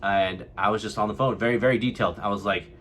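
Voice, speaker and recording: A man's voice: lowish voice, steady tone, fast talker, fairly bright tone, a little hiss or hum. A young man from California, telling a vlog story to camera and acting out what others said. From California, USA. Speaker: vlogger.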